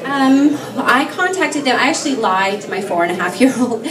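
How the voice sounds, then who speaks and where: A woman's voice: high-pitched, lively intonation, normal speed. A woman guest on a bar stage telling her story into a handheld mic, with many "um" fillers. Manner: soft-spoken, with many "um" fillers and light laughs. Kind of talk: on-stage interview. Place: bar stage before a crowd. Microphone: handheld mic, far camera. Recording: echoey bar from far off, crowd noise. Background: crowd chatter.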